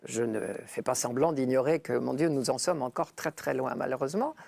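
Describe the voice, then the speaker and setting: An older speaker with a gravelly, creaky voice talks as a guest in a spiritual radio discussion. The sound is dry and close, and the phrases come short and hopeful. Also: medium pitch, brisk, a little mellow, no echo.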